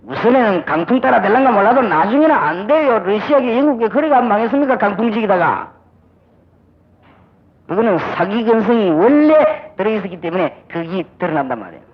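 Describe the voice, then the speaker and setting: A man's voice: high-pitched, husky. An older man preaching a sermon as pastor, with a Gyeongsang accent and emphatic delivery, acting out little dialogues. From Busan, South Korea. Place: church sanctuary. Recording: dull old audio recording.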